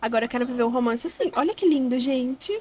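High-voiced gushing Brazilian woman. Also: quick pace, a little hiss or hum. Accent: Brazilian Portuguese. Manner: gushing, excitable, says "gente" constantly. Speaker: gaming YouTuber. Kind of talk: casual gameplay commentary.

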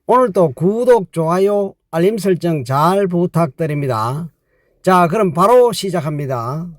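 A man teaching a spoken language lesson, patiently repeating phrases slowly for learners. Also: high-pitched, animated, no room sound, studio quality.

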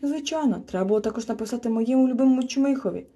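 A woman voicing a kind, fussing mother creature who talks gently and soothingly. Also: fairly high pitch, racing, pitched above the performer's own voice.

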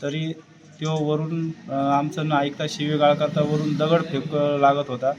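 Local man, agitated witness statement, somewhat high voice, halting and pleading. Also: flat delivery, lo-fi sound, background noise. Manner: agitated, pleading, hesitant with fillers. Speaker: witness speaking to reporter. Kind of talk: emotional street interview statement.

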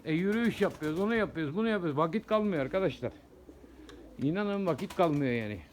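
A man with a high voice talks through a casual outdoor vlog at his pigeon loft. He is chatty, repeats words and keeps addressing his viewers as he follows the birds. Faint background noise and cooing pigeons run under a phone-camera recording. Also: lively intonation, fast. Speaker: pigeon keeper vlogger.

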